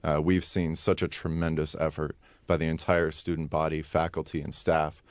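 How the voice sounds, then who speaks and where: Male student interview guest. Very deep bass voice, sincere delivery, no room sound. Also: flat delivery, normal speed, no room sound. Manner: earnest. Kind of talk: earnest radio interview answers.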